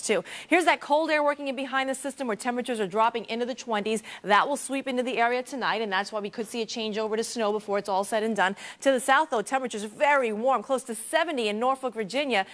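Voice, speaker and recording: A woman TV meteorologist giving a weather update in a practiced broadcast delivery with small slips. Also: on the high side.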